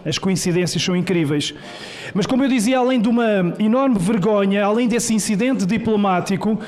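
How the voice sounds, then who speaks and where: A journalist from Portugal gives testimony in a senate hearing room, reading a prepared statement in an emphatic, rhetorical, and indignant way. He has a European Portuguese accent and a high-pitched voice with a darkish tone.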